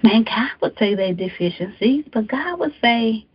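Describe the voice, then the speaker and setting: A woman's voice: a little high, expressive, normal speed, husky, highs cut off. A woman preacher delivering an emphatic, exhorting sermon, repeating phrases for effect.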